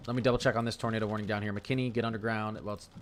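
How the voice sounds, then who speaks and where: A man hosting a live severe weather stream, commenting in a halting way and often repeating or correcting himself. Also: fairly low pitch, flat delivery, slight background noise.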